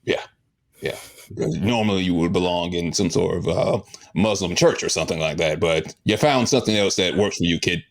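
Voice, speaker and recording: A man with a fairly low voice hosts a comedy show. He rambles through an improv bit as a casting director, teasing the others and laughing as he goes. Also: normal speed, gravelly. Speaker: host playing a casting director.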